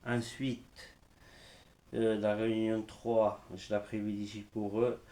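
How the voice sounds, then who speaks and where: Man, horse racing tipster, slow pace, halting, casual live stream, smartphone mic. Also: on the low side, little pitch movement, mellow. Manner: slow, halting, repeats "voilà" often. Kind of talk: casual live betting tips.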